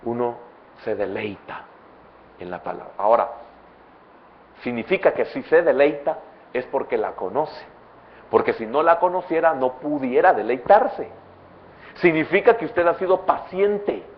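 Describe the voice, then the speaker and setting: A man from El Salvador with a Salvadoran accent, a pastor preaching a sermon in church, swinging between loud emphatic bursts and soft low asides. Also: animated, measured pace, pauses often, muffled recording. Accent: Salvadoran Spanish.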